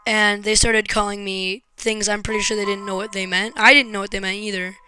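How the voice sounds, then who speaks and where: A woman vlogger telling a painful personal story to camera, frank and raw, with hesitant pauses and swearing when upset. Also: mid-range voice, level tone, pushed and bright, soft background music.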